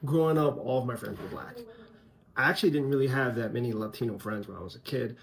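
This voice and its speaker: A man's voice: mid-range voice, fast talker, vocal fry, fairly bright tone. Frank Colombian-born man hosting a vlog. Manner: frank, conversational, many fillers. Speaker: channel host. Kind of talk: casual opinion vlog.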